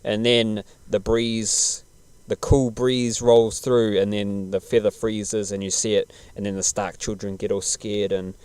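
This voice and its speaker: A man's voice: on the low side, little pitch movement, unhurried, a little mellow, clear, resonant tone, no echo. A man chatting casually as a podcast host, laid-back, slangy and rambling. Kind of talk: casual podcast chat about television.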